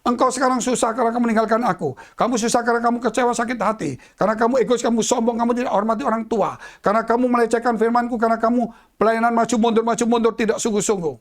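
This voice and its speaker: Male pastor mid-sermon; theatrical, swings from loud to near-whisper. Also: fairly even intonation, racing, hardly any pauses. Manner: dramatic swings in pitch and volume, drops to hushed tones; addresses congregation as "saudara". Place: church.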